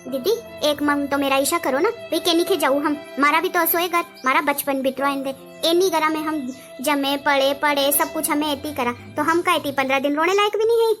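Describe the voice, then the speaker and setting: A woman's voice: high-pitched, a little fast, hardly any pauses, a bit bright, faint music behind. A woman playing a hurt young sister who complains about how she is treated at her childhood home. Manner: complaining, wounded.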